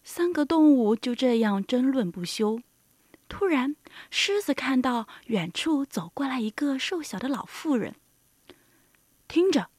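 A woman narrating a children's story in an expressive way, with soft, hushed asides. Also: sits high, measured pace, no room sound.

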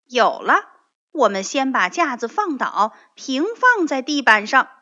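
A woman doing a shrill little storybook rabbit. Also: sing-song, slow, exaggerated voice. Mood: eager. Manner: high, loud, indignant exclamations. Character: little excitable rabbit, quick to anger. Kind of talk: children's storybook narration. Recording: dull lo-fi recording.

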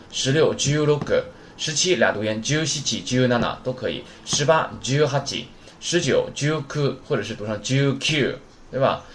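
In this relaxed beginner Japanese lesson, the teacher's medium-pitched voice comes with a little hiss or hum. He chats casually, drills numbers out loud, and asks rhetorical questions.

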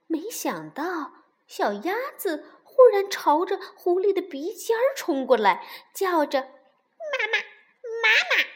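Slow, high-voiced woman storyteller. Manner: gentle, expressive storytelling. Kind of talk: children's story narration.

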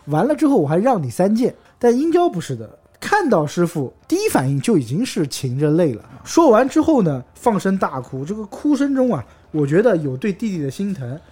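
Podcast co-host, chatty analyst, lively pitch, husky tone. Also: fairly quick, hardly any pauses. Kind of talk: storytelling chat podcast.

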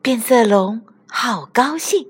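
A mother reading a picture book aloud to children, in an expressive storytelling manner. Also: fairly high pitch, slow pace, husky. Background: soft music.

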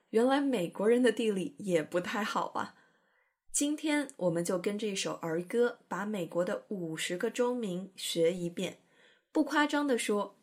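A woman hosting an English-learning program, explaining in a chatty, playful way with careful pronunciation demos. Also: mid-range voice. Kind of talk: educational podcast narration.

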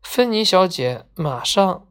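A woman reading a children's storybook aloud, gently voicing each character in turn. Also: fairly low pitch, very animated, clean tone. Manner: slow, gentle, acts out each character's lines.

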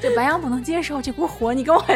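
An excitable young woman chats on a podcast and keeps breaking into bursts of laughter. Her voice is on the high side. Faint music plays behind her. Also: very fast. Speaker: podcast co-host. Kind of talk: casual chat.

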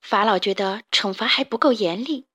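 A woman reading a children's storybook aloud as narrator, in a gentle, expressive manner. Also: mid-range voice, normal speed, husky.

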